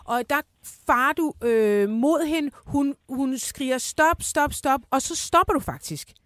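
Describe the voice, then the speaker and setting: A fairly high female voice, recorded dry and close in a radio studio. She questions her guest carefully, hesitating and filling pauses as she builds her point. Her tone stays measured and probing. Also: lively intonation, fairly bright tone, dry recording. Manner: careful, hesitant, many fillers. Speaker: radio host.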